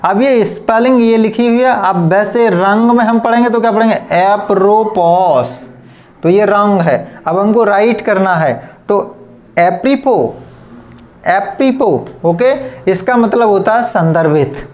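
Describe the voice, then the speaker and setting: A male teacher giving a pronunciation lesson. He spells each word out letter by letter, repeats it slowly and closes each point with "okay". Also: high voice. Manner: ends points with a steady "okay". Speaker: English teacher.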